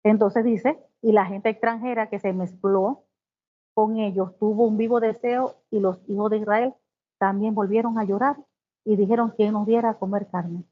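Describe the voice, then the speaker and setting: A woman giving a devotional Bible teaching, reading scripture slowly and then explaining it with exclamations. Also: medium pitch, steady tone. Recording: tinny phone-like sound.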